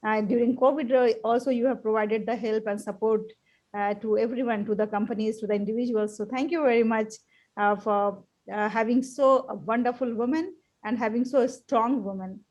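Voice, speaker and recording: A woman's voice: on the high side, fairly even intonation, fairly quick, darkish tone. A woman hosting a show, welcoming her guest in a formal, ceremonious manner. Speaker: host.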